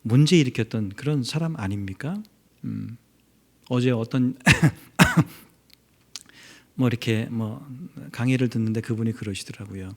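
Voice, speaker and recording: A male pastor giving a midweek prayer service sermon, talking to the congregation, rising to loud emphasis and dropping to near-whispers. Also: medium pitch, measured pace, vocal fry, pauses often. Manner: animated preaching, swings between loud emphasis and near-whispers; conversational, addresses congregation directly.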